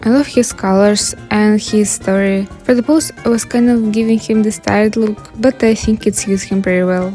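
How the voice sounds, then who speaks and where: A woman's voice: medium pitch, fairly even intonation, normal speed, hardly any pauses, warm tone. A young adult woman with a Russian accent, giving casual scripted commentary as the host of an art channel. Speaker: YouTube artist and channel host. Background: background music.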